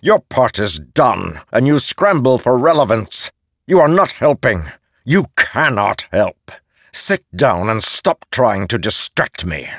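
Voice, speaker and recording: A man voicing an ancient, arrogant male god-king who speaks in a slow, haughty, commanding way. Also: medium pitch, big pitch swings, fairly bright tone, no echo, clean studio sound, pitched above the performer's own voice, heavily acted. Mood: contemptuous.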